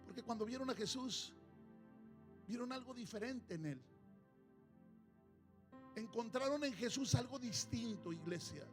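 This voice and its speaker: A man preaching a sermon to his congregation in church, calling them "amados" and swinging between hushed passages and shouted ones. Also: high-pitched. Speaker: pastor.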